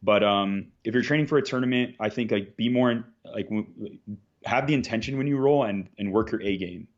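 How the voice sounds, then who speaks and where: A man's voice: fairly low pitch, a little fast, muffled recording. A man in his thirties, a jiu-jitsu competitor from Canada, talking casually in a podcast interview and rambling with lots of "like"s and restarts. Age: 30s. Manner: rambling, full of filler "like"s and restarts.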